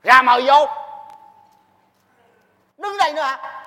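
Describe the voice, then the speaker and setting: A man's voice: extremely high pitch, expressive, unhurried, heavily acted. A man playing a bossy, scheming old husband and master of the house in a comedy sketch, barking orders. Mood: gruff. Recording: stage recording with hall reverb and loud music.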